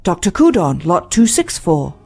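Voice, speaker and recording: A weary, skeptical woman doctor, voiced by an actress in a sci-fi audio drama. Her tone is soft-edged and dark, her delivery blunt and matter-of-fact, with faint music behind. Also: on the low side, sing-song, normal speed. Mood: puzzled, alarmed.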